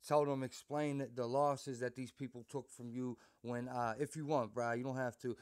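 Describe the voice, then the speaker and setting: Slangy, casual man with a mid-pitched voice. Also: steady tone, normal speed, a little mellow, clean tone. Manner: slangy, repetitive, calls listener "bro". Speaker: host taking a call from an inmate. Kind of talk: casual phone chat.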